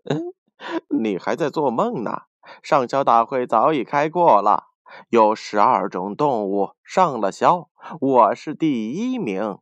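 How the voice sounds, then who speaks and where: A man's voice: medium pitch, big pitch swings, slow pace, no room sound, highs cut off. A man voicing a cocky, sly little male rat in a storybook tale, smug and offhand.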